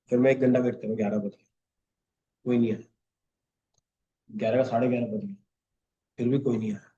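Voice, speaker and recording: Candid young man, lo-fi recording. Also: mid-range voice. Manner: candid, animated anecdotes with frequent "theek hai". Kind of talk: casual storytelling.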